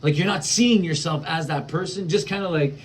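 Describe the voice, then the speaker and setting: A man with a slightly high voice talks through spiritual experiences in a loose, rambling monologue. He restarts often and leans on fillers. There is a faint hiss of noise behind him. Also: brisk. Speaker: spiritual vlogger.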